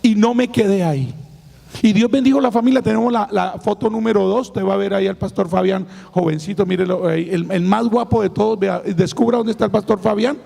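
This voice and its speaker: Male pastor, raspy and gravelly, high-pitched, emphatic testimony sermon in a reverberant hall. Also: brisk, mellow. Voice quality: hoarse, raspy voice. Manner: emphatic, addresses listeners as brother.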